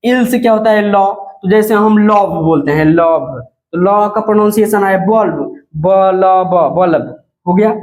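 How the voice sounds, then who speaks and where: A man teaching English letter sounds, speaking slowly and repeating each example word. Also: high voice, a little mellow, poor audio. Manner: slow, repeats example words several times. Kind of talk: classroom lesson on letter sounds.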